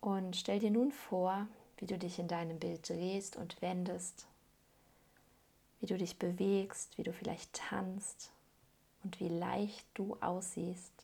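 A woman leading a soothing guided meditation as a hypnosis guide, calm and gently instructing, in a soft, breathy voice that often trails toward a whisper. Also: fairly low pitch, takes it slowly.

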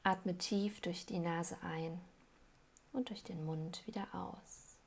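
A hypnosis guide leads a soothing weight-loss meditation in a lowish, husky voice. She talks very slowly and calmly, pausing between gentle instructions, and her soft phrases often drop into breathy, creaky near-whispers.

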